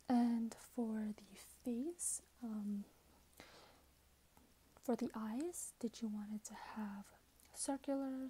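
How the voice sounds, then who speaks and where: In a small, plain indoor room, an ASMR creator in her twenties roleplays a robot companion clerk, often whispering with a gentle, hesitant, courteous service-desk manner. Her voice is a little high with a breathy edge, and the rough recording carries hiss plus keyboard typing and clicks.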